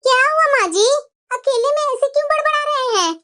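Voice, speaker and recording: A woman's voice: extremely high pitch, fairly quick, sharp tone. A woman voicing a sly, sweet-talking young daughter-in-law in a cartoon. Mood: innocent. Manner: sweetly persuasive. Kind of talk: cartoon voice acting.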